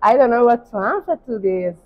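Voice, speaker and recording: A middle-aged woman, a medical doctor who isn't a native English speaker, chats casually as an interview guest, searching for words. Her fairly high voice is lively and fairly quick. She's walking through a large indoor hotel hallway, and the recording sounds dull with clearly noisy ambience.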